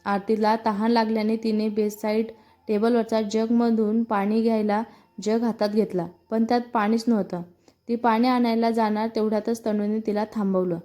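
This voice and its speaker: High, mellow woman storyteller. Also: little pitch movement, normal speed, faint music behind. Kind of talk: scripted story narration.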